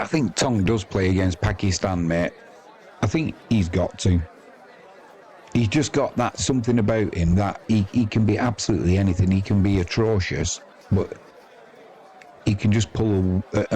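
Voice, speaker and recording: Warm and low-pitched at a moderate pace, an Englishman offers off-the-cuff cricket commentary while hosting a live sports stream. His chat is casual, rambling, and matey, and a crowd can be heard behind him.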